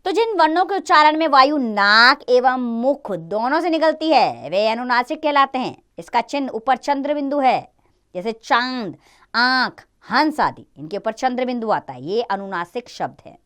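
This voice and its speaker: A woman's voice: sits high, expressive, moderate pace, fairly bright tone, smooth. A woman teaching a grammar lesson to children, explaining step by step and asking and answering her own questions.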